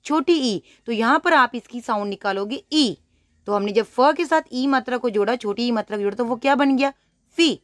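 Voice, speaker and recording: A woman teaching a first-grade reading lesson, saying each word slowly and twice, then explaining to the child with questions. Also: a little high, no echo, clean studio sound. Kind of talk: primary school reading lesson.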